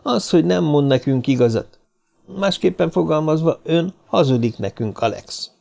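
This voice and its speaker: A male narrator voicing a stern man who questions a suspect in a quiet, colorless voice. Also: on the high side, gravelly, pitched above the performer's own voice. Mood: cold accusation. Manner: quiet, flat, accusing.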